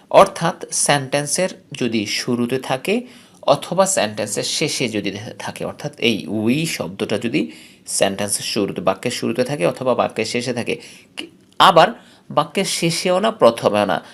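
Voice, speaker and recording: Gravelly Bangladeshi man teaching pronunciation. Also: mid-range voice, fairly bright tone. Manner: explains step by step, repeats example phrases slowly. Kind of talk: recorded phonetics lesson.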